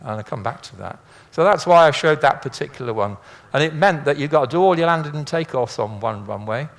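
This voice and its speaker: In a slightly high voice with lively intonation and a fairly quick pace, an older former air traffic controller delivers a casual illustrated talk. He rambles chattily through anecdotes, seasoning them with dry humour.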